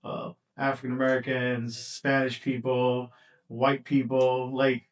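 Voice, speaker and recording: A young man hosts a casual podcast in an easygoing way, often chiming in with short agreeing sounds. His voice sits at a middle pitch and sounds a little distant from the microphone. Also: completely flat delivery, unhurried. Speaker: podcast host.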